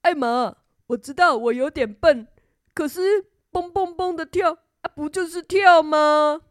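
A woman's voice: high voice, unhurried, no echo, studio quality. Woman voicing a simple, good-natured lion. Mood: puzzled.

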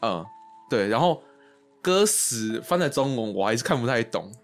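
A man's voice: mid-range voice, big pitch swings, normal speed, soft background music. A man co-hosting a podcast, rambling and hesitant in casual chat, with the odd swear word. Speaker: podcast co-host.

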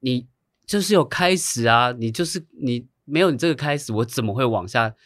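A man's voice: medium pitch, lively intonation, normal speed, a bit bright, no room sound, clean studio sound. A man who works as a hairstylist tells a long story in a casual chat, acting out the voices of the people he quotes and laughing often. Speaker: guest.

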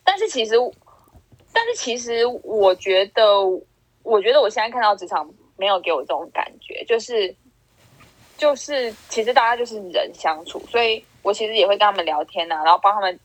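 A woman's voice: medium pitch, lively intonation, a little fast. A young woman speaks, chatting casually on a podcast. She rambles and restarts her sentences. The sound is dry and close, with no room echo. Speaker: podcast co-host. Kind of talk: casual chat.

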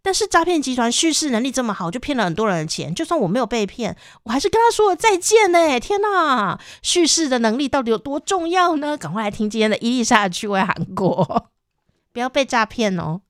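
A woman hosting a podcast, telling a personal story in a casual, animated way and laughing often. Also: fairly high pitch, fairly quick, dry recording, clean studio sound. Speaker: podcast host. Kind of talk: casual chat.

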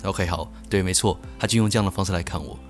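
Young guy, lowish voice, chatty podcast storytelling, faint music under it. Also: fast. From Taiwan. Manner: animated, frequent restarts and self-answered asides. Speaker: podcast host.

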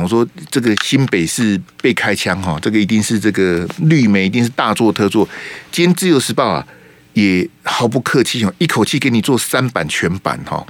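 Animated Taiwanese Mandarin radio host. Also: male voice, lowish voice. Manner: animated, fires rhetorical questions, emphatic. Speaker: radio talk show host. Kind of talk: political commentary. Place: radio studio.

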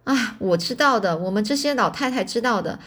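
A woman reading an old grandmother's lines from a storybook in a slightly lower, softer manner, close to her own voice. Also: expressive, fairly quick, slightly rough. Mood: knowing. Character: knowing, kindly old grandmother.

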